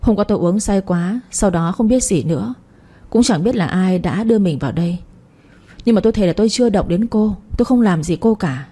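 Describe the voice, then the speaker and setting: A wronged young interpreter, voiced by a woman in an audiobook, fights every accusation with insistent protests. The tone is mellow and husky rather than ringing. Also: sits high, lively intonation, brisk. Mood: indignant. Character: young male interpreter, framed and indignant.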